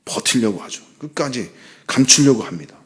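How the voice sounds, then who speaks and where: A man's voice: mid-range voice, expressive, moderate pace. Pastor in his forties, sermon, earnest, pleading, fervent. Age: 40s. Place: church hall.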